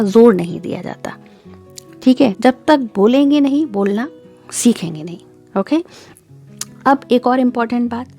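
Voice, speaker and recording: A woman giving a spoken lesson, explaining and slowly demonstrating English pronunciation. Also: a little high, mellow. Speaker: English teacher.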